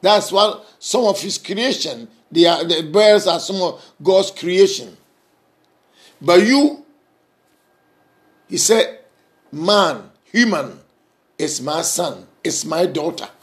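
A man preaching a sermon, emphatic and repetitive, swinging between raised passages and soft, intimate ones. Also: sits high, animated, slow, long pauses.

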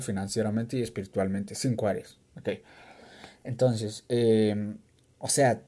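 A man's voice: medium pitch, mellow. A man giving an encouraging, conversational motivational talk, often repeating key words for emphasis. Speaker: self-help speaker.

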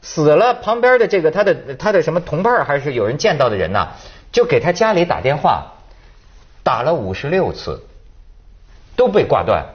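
A man on a talk show telling an animated story in casual chat, acting out both sides of a phone call. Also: fairly high pitch, moderate pace. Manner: animated storyteller, acts out dialogue.

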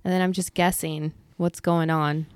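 A woman's voice: low-pitched, flat delivery, normal speed, a little mellow, smooth, dry recording, studio quality. A woman around thirty hosting her podcast, chatting casually, blunt and laughing, swearing freely. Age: 30s. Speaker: podcast host. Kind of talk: casual chat.

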